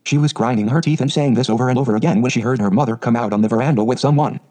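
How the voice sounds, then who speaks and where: A man narrating an audiobook in a brisk, steady storytelling manner. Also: medium pitch, poor audio.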